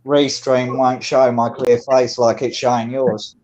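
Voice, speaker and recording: A man's voice: medium pitch, flat delivery, unhurried, a little mellow, lo-fi sound. Chatty London man on a phone. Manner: rambling, many fillers like "it's like". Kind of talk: casual chat.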